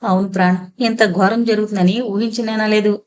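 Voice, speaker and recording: An elderly grandfather in a suspense audio novel, read by a woman. He is stern and guarded, questioning a stranger closely. The delivery stays close to the narrator's own voice, with a middle pitch. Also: steady tone, normal speed, lightly acted. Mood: grieving.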